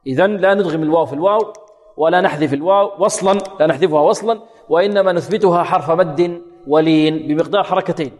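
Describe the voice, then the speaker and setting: A man teaching Quran recitation, quizzing his students with questions and chanting verses slowly to show the rules. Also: on the high side, darkish tone, long reverb tail. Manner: asks the class rhetorical questions and then answers them.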